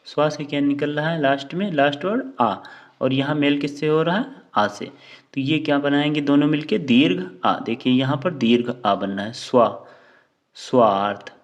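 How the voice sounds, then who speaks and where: A man's voice: mid-range voice, lo-fi sound. A man teaching a grammar lesson. He asks a question and then answers it himself, drawing out each example word. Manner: slow, drawn-out words when spelling out examples.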